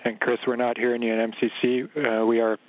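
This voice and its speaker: A man's voice: mid-range voice, monotone, fast. A man working as a mission communicator, making procedural calls over a space radio transmission. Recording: tinny, noisy space radio link.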